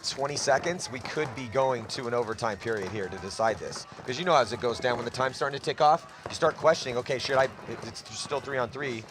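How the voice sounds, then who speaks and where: A man's voice: medium pitch, quick pace, few pauses, noisy background. A man calling play-by-play on a paintball match, narrating the action steadily. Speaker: play-by-play commentator.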